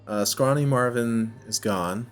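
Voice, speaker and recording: Over background music, a man offers laid-back let's play commentary, thinking out loud and frequently second-guessing himself. His voice is mid-range and unhurried.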